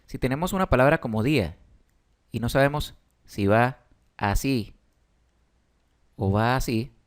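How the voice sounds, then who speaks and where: Slow, patient male teacher. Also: mid-range voice. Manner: slow, patient explaining with emphatic stresses. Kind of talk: spelling and accent lesson.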